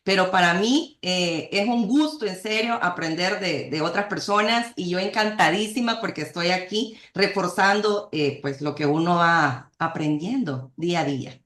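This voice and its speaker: Lower-pitched female communicator, polite and a bit hesitant; roomy echo. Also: normal speed, hardly any pauses, fairly bright tone. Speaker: communicator and oral expression teacher. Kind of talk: casual workshop remarks. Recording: echoey room.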